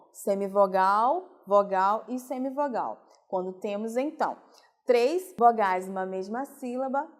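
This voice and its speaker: A woman teacher from Brazil, giving a recorded lesson and explaining slowly, stressing each example word. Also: a little high. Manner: slow, deliberate explaining, stressing example words. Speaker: Portuguese teacher.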